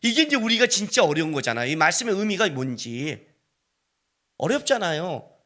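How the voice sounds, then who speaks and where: A man preaching a Sunday sermon, fairly high for a man, with a lively voice that climbs and drops as he acts out both sides of an argument. His tone is bright and forceful, and he keeps turning to the congregation with questions. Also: normal speed. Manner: storytelling with acted-out dialogue; conversational, asks the congregation questions. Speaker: pastor. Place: church sanctuary.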